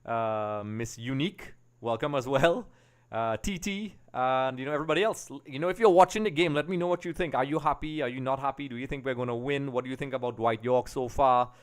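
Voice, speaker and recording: Talking a little fast in a smooth, medium-pitched voice, a middle-aged man from Trinidad and Tobago hosts a football watch-along, chatting to viewers in a loose, rambling way. The livestream comes from a small home streaming room, picked up by a desk mic on a boom arm.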